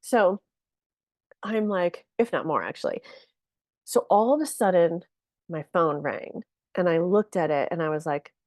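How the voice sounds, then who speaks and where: A woman's voice: fairly low pitch, unhurried, long pauses, dry recording, studio quality. Chatty woman telling a story. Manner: animated, chatty, many fillers, laughs often. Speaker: podcast guest, photographer. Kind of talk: casual storytelling.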